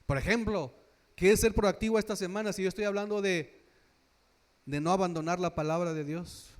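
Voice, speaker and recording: A man from Mexico preaching a sermon as pastor. He questions the congregation, repeats key phrases for emphasis, builds to loud emphatic passages and drops his voice low at the ends of phrases. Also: normal speed.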